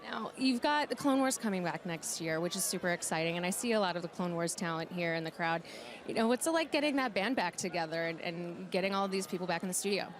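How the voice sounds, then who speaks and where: A woman's voice: lowish voice, quick pace, a little hiss or hum. A woman hosting a live red carpet show with upbeat interview chatter.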